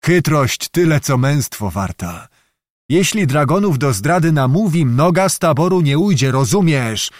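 A man voicing a fierce, furious Tatar war chief with a hoarse, roaring voice in an audiobook. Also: a little high, expressive, a little slow, no echo, studio quality. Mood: gruff. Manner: roaring, demanding.

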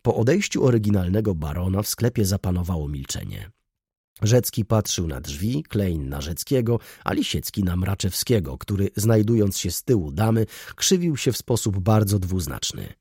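A man reading a classic novel aloud in measured, expressive narration. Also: low-pitched, husky, no room sound, studio quality. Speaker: audiobook narrator. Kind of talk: scripted narration.

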